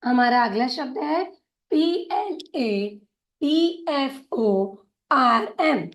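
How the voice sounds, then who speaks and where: Woman, phonics teacher, unhurried delivery, says each word twice. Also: high voice, animated, reverberant. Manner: slow, patient, repeats each word twice. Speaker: English teacher. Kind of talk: phonics lesson, spelling out and sounding words.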